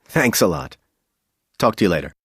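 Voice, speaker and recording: A man's voice: low voice, very animated, measured pace, fairly bright tone, husky, no room sound, clean studio sound, exaggerated voice. An actor playing a confused business client who leaves a voicemail message for his lawyer, talking casually and hedging as he goes. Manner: casual and hesitant, hedging with fillers. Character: adult male business client, confused, polite. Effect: leaving a voicemail message. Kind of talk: scripted textbook audio dialogue.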